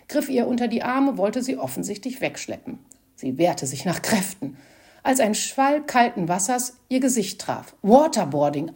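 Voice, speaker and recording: Woman reading a story out loud, expressive, mellow warm tone. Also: medium pitch, husky. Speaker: narrator. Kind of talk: scripted narration of a story.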